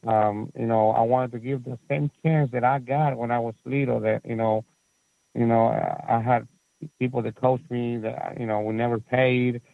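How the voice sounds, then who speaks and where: This soccer coach and facility owner from Chile, a man in his forties, talks as a guest in a relaxed interview, wandering through his thoughts with frequent fillers and false starts. His Chilean Spanish-accented voice is medium in pitch, fairly even, at a moderate pace, with vocal fry, heard dry over a tinny phone-like line.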